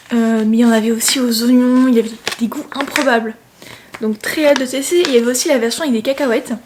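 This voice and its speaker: Young woman vlogging, talks fast and playful, pitch a bit high, slight hiss behind. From France. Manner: chatty, animated storytelling, playful asides. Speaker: travel vlogger. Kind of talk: casual vlog chat.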